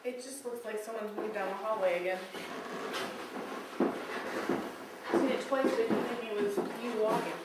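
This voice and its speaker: A woman on a paranormal investigation, softly reassuring any spirits in a house that she only wants to talk. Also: medium pitch, fairly even intonation, fast talker, few pauses. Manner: soft, reassuring questions. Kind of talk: ghost-hunting call-outs. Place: inside a house at night. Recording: roomy, distant camera mic, faint hiss.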